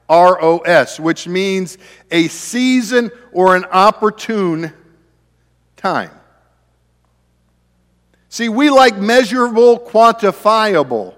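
A pastor in his fifties preaches a sermon in a church sanctuary, keeping it conversational with chatty asides to the congregation. His high, fairly bright voice carries a big-room sound.

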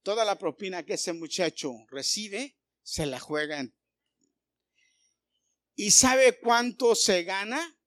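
A male pastor preaching a sermon, animated and full of rhetorical questions aimed at the congregation. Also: high voice, slow pace, long pauses, dry recording.

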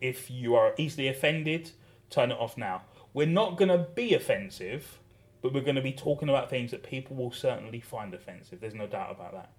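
Male podcast co-host, British, mid-pitched, casual and enthusiastic, wandering explanations. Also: animated, brisk. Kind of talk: casual chat.

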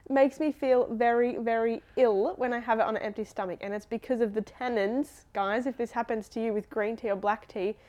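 A woman with an Australian accent co-hosting a podcast, chatting casually and telling stories in an animated, giggly way. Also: a little high, fairly quick, few pauses. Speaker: podcast co-host.

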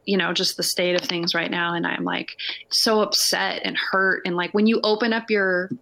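A woman's voice: fairly low pitch, flat delivery, normal speed, gravelly, sharp tone, a little hiss or hum. A woman songwriter talking casually about making music, rambling with lots of "like" and "you know". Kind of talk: casual conversation.

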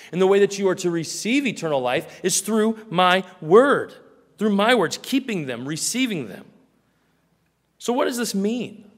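A male pastor preaching a sermon earnestly, acting out small scenes in a quieter voice. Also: sits high, big-room sound.

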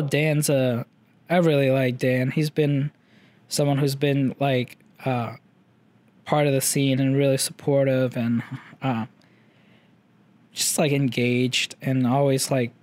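A man's voice: medium pitch, darkish tone, no echo. A young man with a slight Chinese-English accent giving a casual, rambling audio update, full of fillers and casual swearing. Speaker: vlogger.

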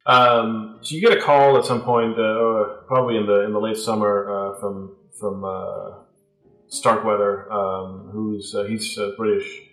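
Halting man game master, roomy sound. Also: on the low side, level tone, fairly bright tone, soft background music. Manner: halting, many fillers. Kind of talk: narrating a tabletop game.

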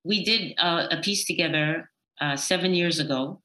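A woman's voice: fairly low pitch, bright, forceful tone. A woman stage actress from Berlin, chatting in an interview, hesitant with many "uh"s and asides. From Berlin, Germany. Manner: hesitant, full of "uh"s and quick asides. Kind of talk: casual interview chat. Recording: echoey room, slightly dull sound.

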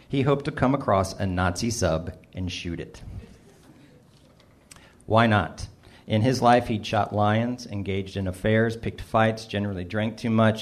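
A middle-aged man reading his own humorous personal essay aloud, with a dry, self-mocking delivery. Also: lowish voice. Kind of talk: first-person storytelling, wry and humorous.

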